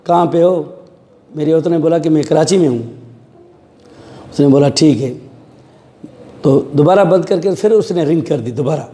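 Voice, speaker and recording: A middle-aged man from Pakistan, talking in a high, very dark and mellow voice. He is a police officer telling his story in an interview and putting on the voices of the people he quotes. The room gives a long, echoing reverb. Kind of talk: recounting events in an interview.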